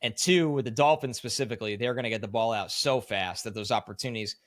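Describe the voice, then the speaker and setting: Male podcast co-host, mid-pitched, analytical, dry close recording. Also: fast, a bit bright, no room sound. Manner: analytical, talks in long run-on explanations. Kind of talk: casual sports analysis chat.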